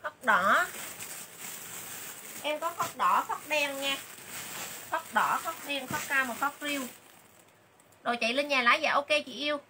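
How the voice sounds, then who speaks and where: A woman doing a livestream sales pitch for clothes, chatty and repeating item names and prices again and again. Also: a little slow, long pauses, noisy background. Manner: chatty, calls viewers "dear sisters".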